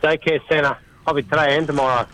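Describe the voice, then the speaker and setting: A man's voice: on the high side, steady tone, fast talker, sharp tone, a little hiss or hum, rough recording. An Australian man calling a radio show for a casual chat over the phone. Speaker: phone-in caller. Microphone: telephone.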